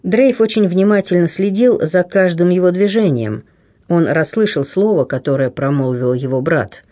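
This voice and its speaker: A man narrating an adventure novel in a measured, expressive storytelling manner. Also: fairly high pitch. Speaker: audiobook narrator. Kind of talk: scripted narration.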